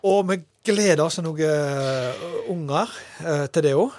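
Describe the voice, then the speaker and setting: Man, co-host, bantering, higher voice, dry close mic. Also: darkish tone, no echo. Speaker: podcast co-host. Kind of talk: casual chat.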